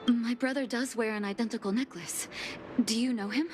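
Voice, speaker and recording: Playing a resolute doctor who leads others, the actress keeps a steady, slightly high tone near her natural voice, measured and thoughtful, with soft sighs. Game music accompanies this studio voice-over.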